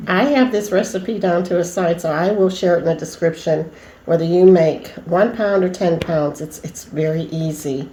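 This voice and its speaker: A woman's voice: fairly low pitch, moderate pace, mellow, roomy sound, a little hiss or hum, rough recording. A middle-aged woman vlogger chatting at home in a folksy, homey way about entertaining. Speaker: lifestyle vlogger. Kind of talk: casual home chat.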